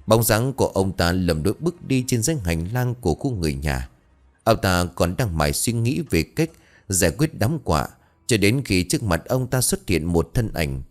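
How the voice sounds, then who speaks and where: Low-voiced guy reading a ghost story, swoops up and down a lot. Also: big pitch swings, moderate pace. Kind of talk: scripted horror story narration.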